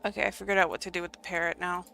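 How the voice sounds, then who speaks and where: A woman's voice: on the low side, level tone, racing, creaky, pushed and bright, a little hiss or hum. A woman giving casual gameplay commentary as she works through a video game. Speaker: game streamer.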